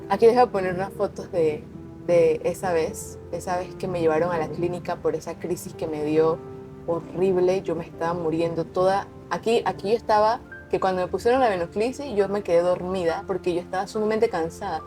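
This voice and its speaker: This young woman's lowish voice stays fairly even and moves fairly quickly over music as she tells her personal testimony for her vlog. Unscripted and conversational, she speaks earnestly and repeats words for emphasis.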